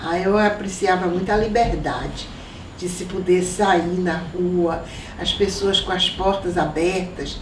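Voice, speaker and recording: An older woman recalls her parents and grandparents, talking slowly and warmly in a fairly low voice. She sits somewhat away from the microphone in an echoey room, with a faint hiss in the background. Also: steady tone, distant mic. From Salvador, Brazil. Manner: reminiscing, unhurried, with soft laughs. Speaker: interviewee. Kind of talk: oral history interview.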